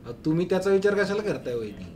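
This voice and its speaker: An actor playing a smooth-talking man who coaxes a woman into testifying. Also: sits high, sing-song, quick pace, a little mellow, slight background noise. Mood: coaxing. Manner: coaxing, wheedling. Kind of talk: film drama.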